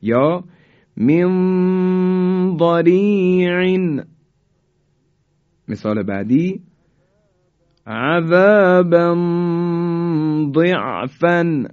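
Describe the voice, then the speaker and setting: A male teacher giving a recitation lesson, explaining quickly and then reciting each example slowly and drawn out. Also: medium pitch, a little mellow. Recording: dull lo-fi recording.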